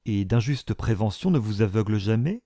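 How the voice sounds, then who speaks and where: A man's voice: fairly low pitch, lively intonation, normal speed, mellow, no echo, studio quality. A man voicing a witty young woman who asks pointed, probing questions.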